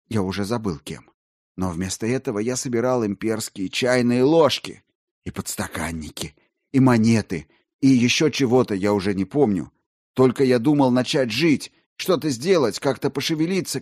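A man's voice: mid-range voice, animated, normal speed, dry recording, studio quality, close to an everyday voice. A man doing a feverish, rambling collector. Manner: feverish, pleading, rising to near shouts. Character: excitable, rambling male collector, wild-eyed.

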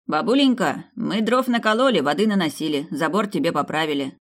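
A woman's voice: low voice, lively intonation, a little fast. A woman voicing a defiant, protective young serpent man in an audiobook. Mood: cheerful. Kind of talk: audiobook character voice.

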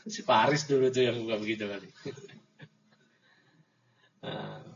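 A man's voice: lowish voice, unhurried, creaky. A man teaching an Islamic book study, reading Arabic passages and explaining them casually with mocking jokes for his listeners. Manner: reads Arabic text then explains it in colloquial speech; mocking, jokey asides to the audience. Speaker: religious teacher. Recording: dull lo-fi audio recording.

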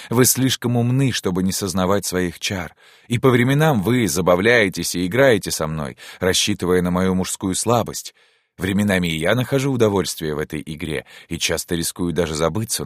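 An emotional young prince, pleading and earnest, as a male reader acts him out with a low voice pushed higher in his pleas. The sound is dry and close, as in a storybook recording. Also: dry recording. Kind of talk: audiobook character reading.

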